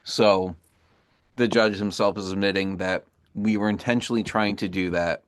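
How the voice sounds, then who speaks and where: A man's voice: on the low side, fairly even intonation, moderate pace, no echo, clean studio sound. A man, a tribute band member, explaining a point in matter-of-fact casual chat.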